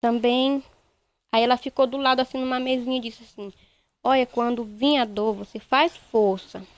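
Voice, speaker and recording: A woman's voice: a little high, steady tone. Distressed young woman recounting an ordeal. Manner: halting, repetitive retelling, quoting others. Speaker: interviewee, bereaved mother. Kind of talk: emotional first-person account.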